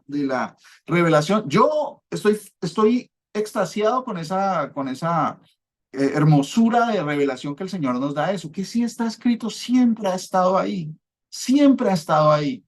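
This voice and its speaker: A man's voice: sits high, lively intonation, moderate pace. Male preacher, fervent sermon delivery, keeps asking the congregation if they follow. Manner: fervent, rhetorical check-ins with listeners.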